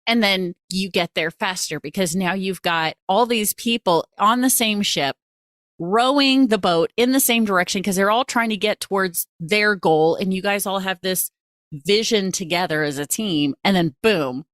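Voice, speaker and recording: Medium in pitch, moderate in pace, and fairly bright in tone, this woman is recorded with clean studio sound and no room sound. She hosts a podcast and coaches, gushing emphatically through a casual, animated interview and repeating phrases for emphasis.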